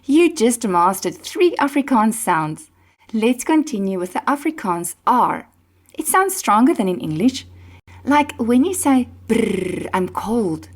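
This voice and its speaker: A woman teaching pronunciation, saying each word slowly and clearly, and cheering the learner on with encouraging remarks. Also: on the high side, big pitch swings, slight background noise. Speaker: language teacher. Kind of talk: pronunciation drill lesson.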